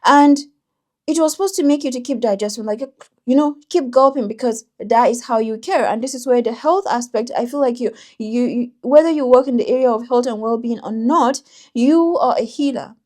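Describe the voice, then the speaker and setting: A woman doing a tarot reading for viewers, talking in a thoughtful, intuitive way with frequent pauses and restarts. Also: a little high, darkish tone. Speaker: tarot reader.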